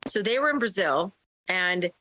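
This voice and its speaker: Bright-voiced woman telling a candid story. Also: fairly low pitch, expressive, moderate pace, rough recording. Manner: candid, self-deprecating, rambling with restarts. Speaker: podcast co-host. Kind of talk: personal storytelling in casual chat.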